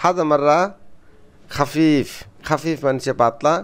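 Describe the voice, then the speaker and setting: A man teaching a spoken phrasebook lesson, who repeats each phrase and then explains it word by word, saying the foreign phrases louder and higher. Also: fairly even intonation, measured pace. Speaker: language teacher.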